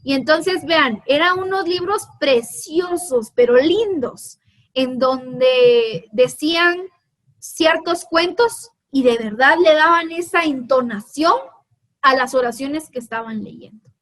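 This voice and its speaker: A woman's voice: sits high, slow pace, fairly bright tone. A woman teacher with a Guatemalan Spanish accent giving a televised lesson, explaining step by step and asking the students rhetorical questions.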